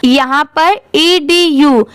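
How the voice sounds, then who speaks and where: Slow, patient high-voiced woman teacher. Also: fairly bright tone, no room sound, clean studio sound. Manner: slow, patient, spells words letter by letter and asks questions. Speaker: English reading teacher. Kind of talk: spelling-out reading lesson.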